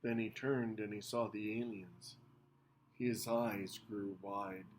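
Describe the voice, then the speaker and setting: A man reading a children's storybook aloud with expressive, animated narration. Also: fairly low pitch, slow pace, slight background noise. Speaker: reader.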